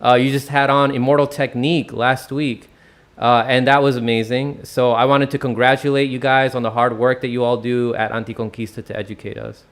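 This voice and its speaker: A man from the Washington, D.C. area hosting a casual interview, relaxed and friendly, with many "um"s. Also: medium pitch, brisk. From Washington, D.C. area, United States. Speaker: host of an online channel.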